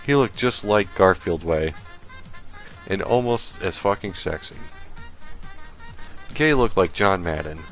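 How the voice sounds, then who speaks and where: A man doing a comedic read-aloud of a badly written story, deadpan and halting as he stumbles over the text. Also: low-pitched, faint music behind. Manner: slow, halting, deadpan reading broken by laughter. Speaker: stream host reading a fan fiction aloud. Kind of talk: comedic dramatic reading.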